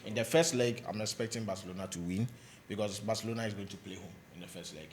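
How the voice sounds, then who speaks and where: A man giving football predictions as a panelist, quick and repeating his points. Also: on the low side, a little hiss or hum. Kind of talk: football punditry.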